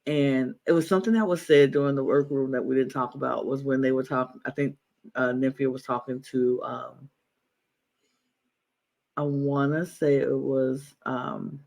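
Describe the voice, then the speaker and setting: A man's voice: medium pitch, flat delivery, moderate pace, creaky, a little mellow. A man co-hosting a podcast, chatting casually and enthusiastically, rambling and repeating himself. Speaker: podcast co-host. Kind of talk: casual chat.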